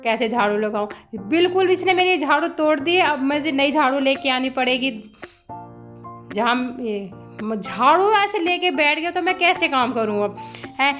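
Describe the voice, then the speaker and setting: A middle-aged woman with a high voice, chatting casually in a home vlog. She narrates her day and scolds her dog fondly. Faint music plays underneath. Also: animated, normal speed, a bit bright. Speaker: vlogger and mother. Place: home indoors.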